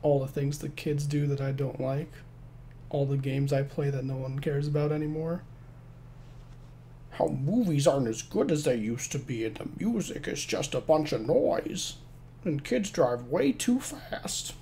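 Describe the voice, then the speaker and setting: A man's voice: on the high side, a little slow, mellow, slight background noise. A man in his thirties chatting casually on a live stream as a game developer, rambling and joking at his own expense. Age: 30s. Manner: joking, rambling self-mockery.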